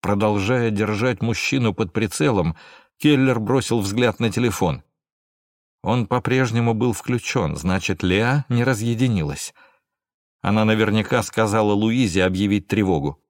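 A man narrating a thriller audiobook in a measured, steady way. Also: on the low side, dry recording, clean studio sound.

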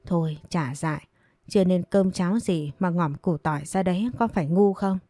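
Woman narrator, lively and colloquial; low, warm, dry. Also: moderate pace, dry recording. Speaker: storyteller. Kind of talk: story narration.

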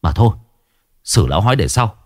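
A man's voice: fairly low pitch, very animated, brisk, no echo, studio quality. A man voicing a cunning, sweet-talking young trickster. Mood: coaxing. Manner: coaxing, smooth-talking.

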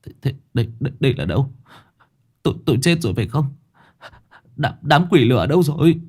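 A man voicing a frightened young male reporter who stammers in a hushed voice. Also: fairly low pitch, animated, fairly quick, voice pushed down. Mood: dazed fear.

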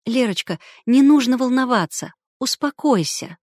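A hostess , played by a woman reader, coos with a caring, smooth sweetness that covers disdain. She speaks up a bit over the noise. The sound is dry and close in a storybook reading. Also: high-pitched, sing-song, takes it slowly, darkish tone, dry recording, voice pushed up, full character voice. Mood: soothing. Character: older hostess, falsely soothing and disdainful.

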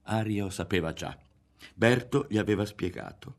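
A man narrating a literary audiobook in a measured, expressive way. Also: fairly low pitch. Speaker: audiobook reader.

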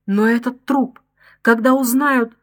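A woman's voice: a little high, fairly even intonation, measured pace, voice pushed up. A woman voicing a desperate middle-aged mother in an audiobook, crying out in anguish. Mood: despairing.

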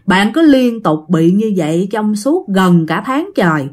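A woman's voice: medium pitch, big pitch swings, a little slow, a little mellow. A woman telling a ghost story in a chatty way, often addressing her listeners directly. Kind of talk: casual ghost-story narration.

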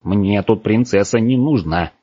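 Man putting on a creaky old witch granny. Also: on the low side, mellow, dry recording. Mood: grumbling. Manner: scolding, slow drawl. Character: grumpy old female forest witch. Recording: dull, dry lo-fi recording.

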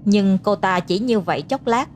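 A woman telling a scripted ghost story in a steady, even narration. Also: medium pitch, moderate pace, a little hiss or hum. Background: faint music.

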